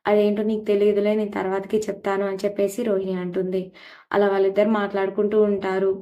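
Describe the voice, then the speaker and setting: A woman's voice: mid-range voice, monotone, fast, dark tone, dull audio. A woman retelling a TV serial episode in a plain storytelling way, with many filler phrases. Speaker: serial recap narrator.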